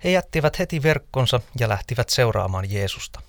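A man in a scripted scripture reading, narrating in a measured, steady manner. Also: medium pitch, gravelly, no echo, studio quality. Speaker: scripture reader.

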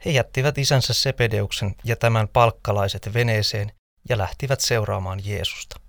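A man in a scripted scripture reading, narrating in a measured, steady manner. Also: on the low side, creaky, no echo, clean studio sound. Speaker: scripture reader.

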